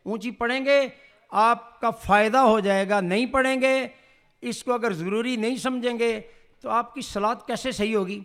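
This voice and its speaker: A man's voice: very high voice, fairly even intonation, fairly bright tone, smooth. A man teaching Quran recitation to a group, correcting pronunciation and leading drills where they repeat after him. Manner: leads call-and-response, asks the group to repeat. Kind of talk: classroom tajweed lesson.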